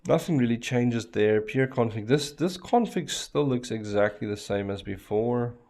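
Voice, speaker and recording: While working a networking lab on a live stream, a man whose first language is Afrikaans chats easily, with loose fillers and sentences he restarts. He has a medium pitch and a moderate pace.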